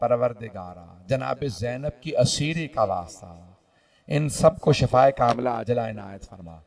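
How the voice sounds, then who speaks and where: A male preacher delivering a mourning sermon, moving from calm narration to shouted, wailing climaxes, recorded from a distance in a large prayer hall. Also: medium pitch, unhurried. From Pakistan.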